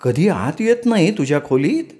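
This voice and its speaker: A man's voice: fairly high pitch, sing-song, moderate pace, dark tone, voice pushed up. A man voicing an anxious aging mother-in-law. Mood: coaxing.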